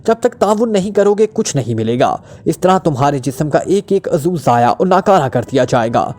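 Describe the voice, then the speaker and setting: A man's voice: on the high side, expressive, normal speed, a little mellow. A man voicing King, a cold and ruthless male killer who speaks in an icy, menacing tone. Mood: icy menace.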